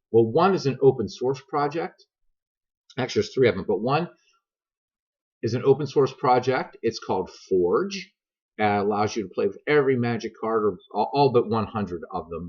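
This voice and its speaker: Male gaming streamer, American accent, lowish voice, rambling and self-deprecating, dull laptop-mic sound. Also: slightly rough. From grew up many years in America; also Irish. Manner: self-deprecating, joking, digressive. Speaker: streamer and gaming video host. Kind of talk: casual rambling chat to viewers.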